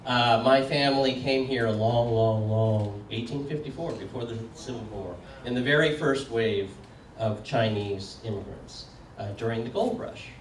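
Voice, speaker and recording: A man's voice: mid-range voice, moderate pace, hardly any pauses. Older guy giving a loose jokey talk to a crowd, lots of uh's, mic kinda far off in an echoey room with faint hum. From United States. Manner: relaxed, joking, conversational with many fillers. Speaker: speaker. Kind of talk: public talk with audience questions. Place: community meeting room.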